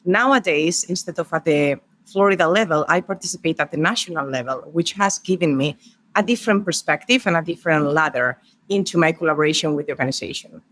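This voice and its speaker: A woman's voice: deep voice, fast talker. Spanish-accented woman, podcast guest. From Spain. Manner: warm storytelling, counts off her points. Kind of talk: podcast interview.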